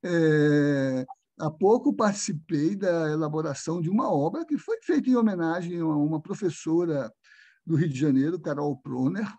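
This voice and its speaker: An older Brazilian man giving an academic lecture over a video call, speaking slowly and hesitantly with many fillers. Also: fairly high pitch, expressive, warm tone.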